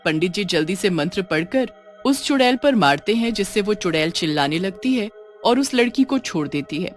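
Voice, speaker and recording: Woman telling a spooky cartoon story, steady voice, soft music under. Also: mid-range voice, moderate pace. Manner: dramatic, even storytelling. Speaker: narrator. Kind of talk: scripted storytelling narration.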